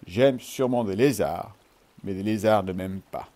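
A man's voice: lowish voice, normal speed, mellow, voice pushed down, close to an everyday voice. A man doing a grumbling old python. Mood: grumpy. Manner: grumbling, groaning. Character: grumpy, lazy old male green python.

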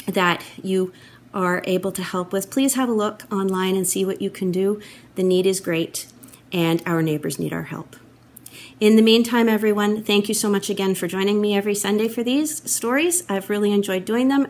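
A middle-aged woman telling a Bible story to children, animated and expressive. She speaks into a laptop webcam in a wood-panelled room at home, voice sitting at an ordinary pitch. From Canada. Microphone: laptop webcam, close framing.

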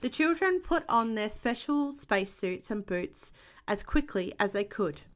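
Storybook reader: woman, slightly high voice, animated read-aloud for kids. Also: unhurried. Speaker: podcast host reading a picture book. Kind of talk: reading a children's picture book aloud.

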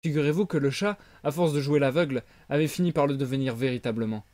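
A man reading a children's classic aloud in a calm, expressive narration. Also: medium pitch, fast, dry recording. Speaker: lecteur. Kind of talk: lecture de conte en direct.

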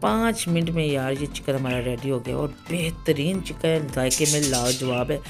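A woman with an extremely low-pitched voice talks at a normal speed over background music. She hosts a home cooking channel and chats her way through a recipe in a voice-over packed with fillers, repeatedly saying "ठीक है जी".

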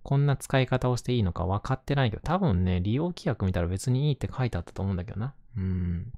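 Man, Kansai Japanese accent, gentle bedtime ASMR host, casual and reassuring, close dry microphone. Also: fairly low pitch, lively intonation, fast talker, dry recording. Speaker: host reading bedtime picture books to listener. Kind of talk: intimate ASMR bedtime talk.

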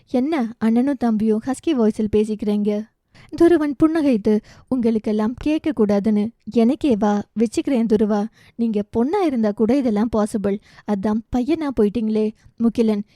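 Woman narrator, warm dark tone, higher pitch, dry close mic, audio novel reading. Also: no room sound. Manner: expressive storytelling, shifting between narration and dialogue. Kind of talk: reading a romance novel aloud, voicing all characters.

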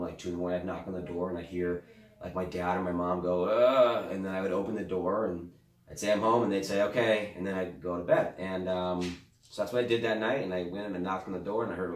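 A young man with a low voice tells a rambling story in a dry, deadpan way, then breaks into loud bursts. He sounds set back from the mic in an echoey room. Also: fast talker, a little hiss or hum. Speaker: guest comedian. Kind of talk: casual storytelling chat. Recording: roomy sound from a distant mic.

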